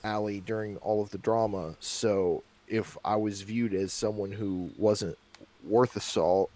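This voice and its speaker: A man's voice: fairly low pitch, steady tone, a little slow, darkish tone. A man in a casual podcast chat, rambling and acting out what others said to him. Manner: rambling, quotes others in put-on voices. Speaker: podcast guest.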